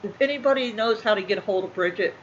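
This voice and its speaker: Halting, emotional woman vlogging. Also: mid-range voice. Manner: halting, emotional, repeats herself. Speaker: channel host. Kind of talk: casual talk to livestream viewers. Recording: slightly muffled with faint room noise.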